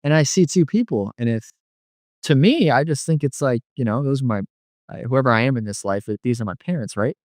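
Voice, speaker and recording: A man's voice: mid-range voice, animated, fairly quick, a little mellow, no echo, clean studio sound. A young man casually recounting a personal testimony, rambling with lots of filler words. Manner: rambling, filler-heavy storytelling full of "like". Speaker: guest telling a near-death testimony.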